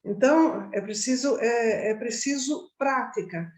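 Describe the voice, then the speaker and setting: A woman leads a meditation class in an informal, conversational style, frequently checking in with listeners through tag questions. Her voice is on the high side with a darkish tone and a measured pace, and the room gives the recording a noticeable echo.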